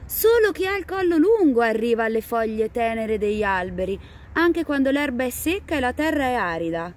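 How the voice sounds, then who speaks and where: A woman's voice: on the high side, big pitch swings. A woman doing a proud, contrary giraffe. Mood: firm. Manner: slow and loud.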